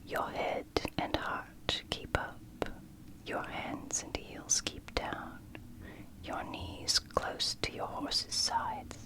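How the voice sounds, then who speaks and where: ASMR host for book read-through: library whisper, fully unvoiced, unhurried, gentle, short phrases with pauses. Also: poor audio. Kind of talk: whispered ASMR, reading and commenting on a picture book.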